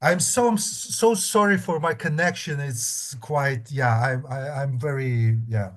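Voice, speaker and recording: A man's voice: mid-range voice, measured pace, fairly bright tone. A man answering questions over a video call whose connection keeps breaking up, speaking hesitantly with many fillers and restarts. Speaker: guest researcher. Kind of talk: online Q&A answer.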